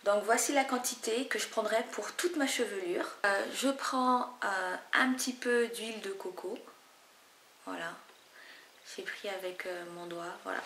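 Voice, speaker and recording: With a medium-pitched, fairly bright voice and a measured pace, a young woman from French Guiana rambles chattily through a casual hair tutorial, restarting often and using lots of fillers. The room echoes, and there's a little hiss or hum.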